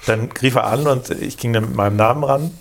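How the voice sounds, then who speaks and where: A man's voice: medium pitch, a little fast, vocal fry, slight background noise. A man co-hosting a podcast, telling a story in casual chat, rambling with many fillers and restarts. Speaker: podcast co-host.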